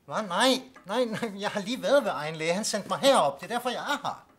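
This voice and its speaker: A man's voice: a little high, fairly bright tone, lightly acted. An actor playing a distressed patient with obsessive thoughts who stammers and grows exasperated when he is not heard. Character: distressed man with obsessive thoughts seeking new medication. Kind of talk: student film acting.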